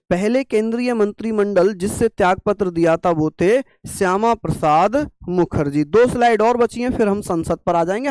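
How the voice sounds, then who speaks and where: A man's voice: high voice, darkish tone, smooth, no echo. A young man teaching an exam-prep class through a sore throat, coaxing and scolding students to write notes. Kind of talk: online exam-prep lecture.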